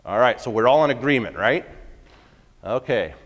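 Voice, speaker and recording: A man's voice: mid-range voice, animated, normal speed. A man, a farmer, giving a folksy conference talk and asking the audience questions. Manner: folksy, asks the crowd questions. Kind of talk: storytelling lecture to an audience. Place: conference hall. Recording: long reverb of a large hall.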